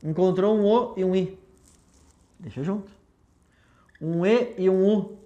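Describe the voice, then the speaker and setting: A woman's voice: medium pitch, unhurried, warm tone, dull audio. Woman teacher, patient step-by-step explainer, affectionate with students, whiteboard lesson. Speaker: language teacher. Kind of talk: recorded video lesson at a whiteboard.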